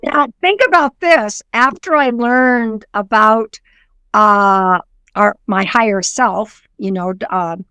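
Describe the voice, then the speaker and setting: A woman's voice: mid-range voice, takes it slowly, pushed and bright, clear, resonant tone, no room sound. A middle-aged woman, a psychic medium, talking earnestly and reflectively as an interview guest, with many fillers and restarts. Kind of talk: conversational interview.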